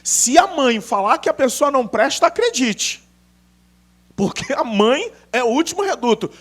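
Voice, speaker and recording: A male pastor, preaching in an unusually high voice that leaps up and down with lively emphasis. He tells stories and acts out the people in them. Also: normal speed. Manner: animated, emphatic, acts out dialogue. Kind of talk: storytelling sermon.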